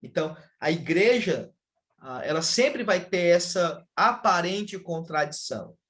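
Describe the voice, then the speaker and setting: Um pastor brasileiro explica teologia em uma conversa, de modo pausado e didático, com muitos "ah" de hesitação. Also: male voice, high voice, animated, a bit bright. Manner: measured, explanatory, with frequent "ah" fillers. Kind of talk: casual theological conversation.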